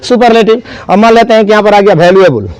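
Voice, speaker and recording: A man's voice: sits high, fast talker, a little mellow, clear, resonant tone. A man teaching an English grammar class, spelling words out and quizzing students. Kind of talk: classroom lesson.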